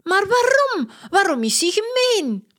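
A woman doing a curious little girl, high and questioning. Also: big pitch swings, unhurried, fairly bright tone, heavily acted. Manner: eager, questioning, high-pitched. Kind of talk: slow storybook reading.

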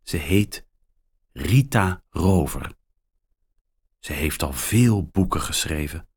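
A man reading a children's story aloud, very slowly and with clear, expressive articulation. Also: extremely low pitch. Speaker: narrator.

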